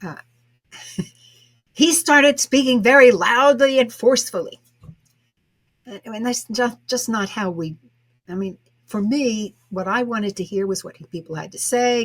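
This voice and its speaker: A woman with a slightly husky, breathy voice hosts a podcast interview. She tells a workplace story in a reflective way, pausing and restarting phrases as she gathers her thoughts, at a middling pitch. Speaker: podcast host. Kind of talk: interview conversation.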